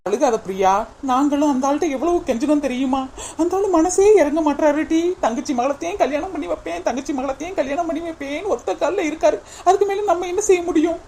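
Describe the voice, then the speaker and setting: A woman voicing a caring middle-aged village woman in a cartoon, lamenting and scolding gently in Kanyakumari Tamil. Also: high voice, fast, a little hiss or hum. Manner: hesitant then lamenting, calls her "di". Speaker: cartoon character. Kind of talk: cartoon voice acting.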